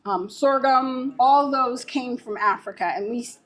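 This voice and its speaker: A woman with a moderately high-pitched voice leads an informal tour. She explains in a halting manner, often stopping partway through a phrase before carrying on. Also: a bit bright, poor audio. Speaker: museum guide.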